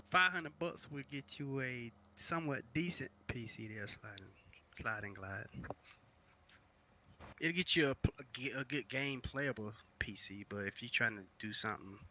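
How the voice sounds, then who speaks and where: A man with a very bright, forceful voice chats casually on a gaming stream over online voice chat. His connection is choppy, so words drop out and endings get cut off. He talks in halting restarts with easy slang. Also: medium pitch, dull audio, slight background noise. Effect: choppy voice chat, cutting out mid-sentence. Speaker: co-host of a gaming livestream.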